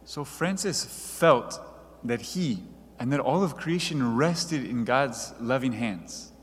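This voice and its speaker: A man preaching a sermon in an earnest, measured way, reading quoted passages aloud. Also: mid-range voice, expressive, long reverb tail.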